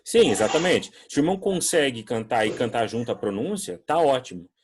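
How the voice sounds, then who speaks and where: A man from Brazil teaches an online English class in a chatty, animated way. His voice sits in a middle register, and he slips into little acted-out voices when quoting people. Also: medium pitch, a little fast, background noise. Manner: conversational, animated, acts out quoted voices. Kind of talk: online class answering student questions.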